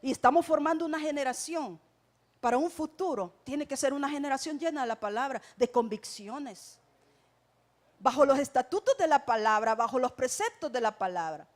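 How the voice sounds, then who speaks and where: A woman with a Salvadoran Spanish accent delivers a sermon in a notably high voice. She speaks emphatically and keeps turning to her listeners as brothers. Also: animated, normal speed. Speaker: preacher.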